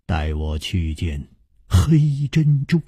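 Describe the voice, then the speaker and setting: A carefree young rogue hero with a high, bright, laughing voice, as a male storyteller puts him on. He swings his pitch up and down in a playful, sing-song way, stretching out his words with easy charm. The voice has a slight husky grain. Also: huge pitch swings, slow pace, dry recording, clean studio sound, exaggerated voice. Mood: merry.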